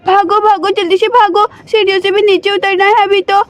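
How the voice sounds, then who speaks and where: A woman's voice: very high-pitched, little pitch movement, no room sound. A woman doing a nagging teenage girl. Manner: nagging, hurried. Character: hurried teenage girl, bossy with her sister.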